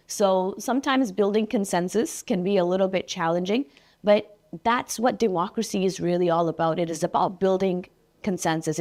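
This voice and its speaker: A woman candidate gives interview answers in a fairly low voice. She sounds measured and earnest, and she is trying to persuade. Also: a little mellow. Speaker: election candidate being interviewed.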